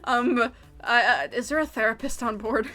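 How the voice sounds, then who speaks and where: Giggly high-voiced woman hosting. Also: normal speed, sharp tone, faint music behind. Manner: giggly, theatrical, bursts of laughter. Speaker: host. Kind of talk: casual voiced read-through of a fan game.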